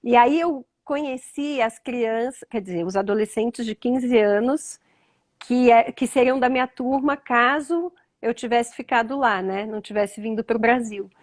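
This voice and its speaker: A woman with a Brazilian Portuguese accent, gently questioning children in a thoughtful, conversational way and often echoing their answers. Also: fairly high pitch, measured pace. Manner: thoughtful, repeats answers back, lots of "né?". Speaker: interviewer.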